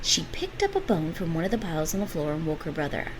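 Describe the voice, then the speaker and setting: A woman reading a children's storybook aloud with expressive, animated delivery. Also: sits low, fast talker, background noise.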